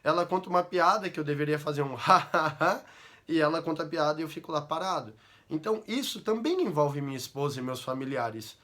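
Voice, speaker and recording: A young man with a Brazilian accent talking about his own life in a personal vlog, earnest and halting, repeating phrases and tag questions. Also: fairly high pitch, animated, a bit bright. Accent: Brazilian Portuguese. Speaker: vlogger.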